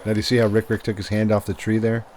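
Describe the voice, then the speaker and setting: A man giving measured, analytical golf-style commentary on a disc golf tournament, explaining shots and holes. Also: fairly low pitch, monotone, darkish tone, slight background noise. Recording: music behind the voice. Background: music.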